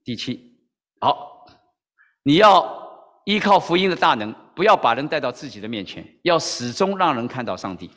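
A man's voice: medium pitch, normal speed, long reverb tail. A male pastor preaching in Mandarin-speaking church style, telling a story and acting out the voices, often checking in with listeners. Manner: animated, acts out dialogue, frequent "OK?" to the audience. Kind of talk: sermon with storytelling.

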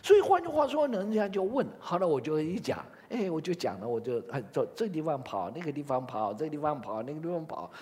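A man's voice: a little high, fast talker, few pauses. Older man preaching in a reverberant hall. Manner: expressive, asks the audience questions. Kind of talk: sermon with scripture reading.

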